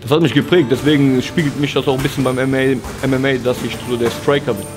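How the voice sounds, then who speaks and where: A man's voice: medium pitch, fast talker, loud music behind the voice. A man in his twenties, an MMA fighter, talking casually in an interview, with lots of fillers and restarts. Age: 20s. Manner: relaxed, frequent fillers and restarts. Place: training gym, indoors.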